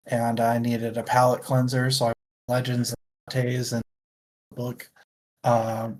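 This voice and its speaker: A man hosts a book club podcast as a casual livestream chat, rambling along in a jokey, self-deprecating way. His voice is medium-pitched and slightly rough, and the audio quality is poor.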